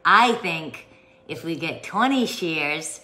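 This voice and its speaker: A woman with a bright, forceful voice hosts a casual home livestream. She talks playfully and teases her co-host. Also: low voice, animated, slow pace. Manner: playful, teasing.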